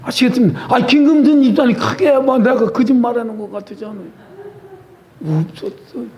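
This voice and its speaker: A man's voice: very high voice, fairly even intonation, fast, muffled recording. A man with a Chungcheong accent preaching a sermon in a church, folksy and teasing members of the congregation by name. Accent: Chungcheong dialect. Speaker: pastor. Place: church sanctuary.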